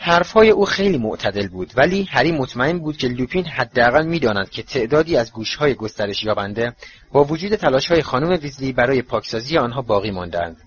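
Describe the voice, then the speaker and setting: A man narrating a storybook audiobook in an expressive storytelling manner. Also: medium pitch, slightly rough. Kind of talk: scripted narration. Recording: dull lo-fi recording.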